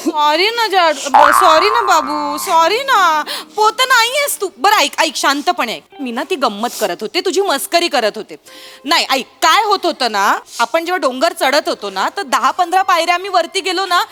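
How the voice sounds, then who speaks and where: A woman's voice: very high voice, big pitch swings, normal speed, bright, forceful tone, full character voice. A woman acting a teasing wife in a stage comedy sketch, who coaxes and needles her husband with dramatic exclamations. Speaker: comedic actor.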